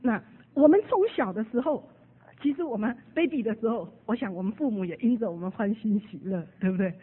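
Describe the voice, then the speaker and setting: A woman preaching a sermon, telling stories and acting out the people she quotes with sudden jumps in pitch and loudness. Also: expressive, brisk, breathy edge. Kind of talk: sermon with storytelling. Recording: narrow phone-like radio broadcast.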